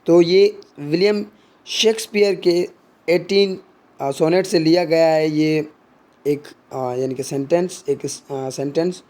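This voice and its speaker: A man's voice: on the high side, fairly even intonation, slow, darkish tone. A man teaching literary terms, explaining in Hindi and mixing in English terms, with frequent fillers and restarts.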